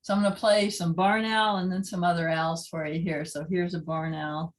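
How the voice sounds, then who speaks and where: A woman's voice: fairly low pitch, little pitch movement, normal speed, rough recording. A woman giving a casual library presentation, chatty and enthusiastic, apologizing for small slips as she goes. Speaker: library talk presenter on owls. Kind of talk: casual presentation playing recordings.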